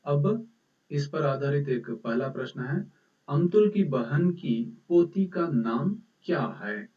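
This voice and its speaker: A man lecturing slowly in a recorded university lesson, repeating points and asking himself questions. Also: a little high, expressive, far from the mic, muffled recording. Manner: slow explaining, repeats and quizzes himself.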